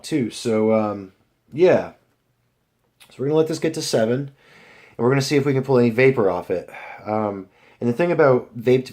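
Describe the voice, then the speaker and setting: Young dude rambling to the camera, calls everyone guys, lots of ums. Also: male voice, mid-range voice, warm tone. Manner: rambling, many fillers and restarts, addresses viewers as guys. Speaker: vlogger. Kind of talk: rambling casual vlog chat.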